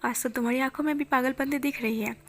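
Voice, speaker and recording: A woman's voice: sits high, steady tone, quick pace, a bit bright. A woman voicing a playful, teasing young man in a light way, with faint music behind.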